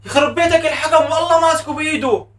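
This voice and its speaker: A man hosting a live football match reaction, shouting and chanting at the goals. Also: extremely high pitch, racing, recorded from a distance. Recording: echoey room, voice a bit off mic.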